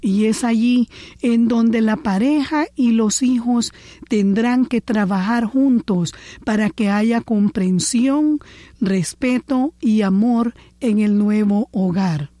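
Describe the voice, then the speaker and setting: Slow, measured woman host. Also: a little high, mellow, no room sound. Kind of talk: scripted talk-show hosting.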